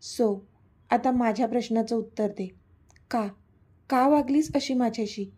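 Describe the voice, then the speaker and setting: A woman's voice: on the high side, measured pace, mellow, husky. A woman doing a stubborn teasing young man. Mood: teasing insistent. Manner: teasing, insistent.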